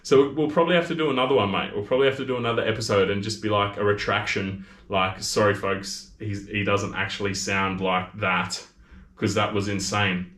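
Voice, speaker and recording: In a roomy-sounding workshop, captured by camera audio, a thirtysomething Australian maker livestreams, wandering between topics and reading viewer comments. His voice is fairly low and a bit bright, delivered fairly quickly with fairly even intonation.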